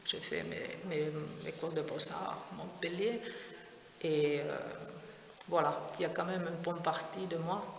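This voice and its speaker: At her own exhibition, a middle-aged artist from Finland, a native Finnish speaker, haltingly describes her project, stumbling through fillers and restarts. Her voice is fairly low, gravelly, and evenly pitched. A sound installation plays music in the reverberant gallery.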